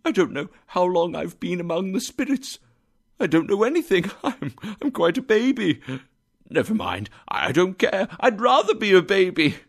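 A man voicing an old male miser who cries out in an excitable, exclamatory way. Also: on the high side, a little slow, gravelly, full character voice. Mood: giddy.

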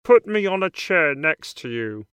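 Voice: medium pitch, sing-song, unhurried, fairly bright tone, smooth, dry recording, voice pushed up. A reader doing a small pleading frog.

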